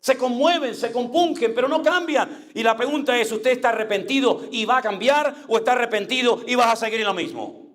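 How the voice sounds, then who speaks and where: A man's voice: very high-pitched, fairly quick, fairly bright tone, echoey room. A male pastor preaching an impassioned sermon, acting out the voices he quotes.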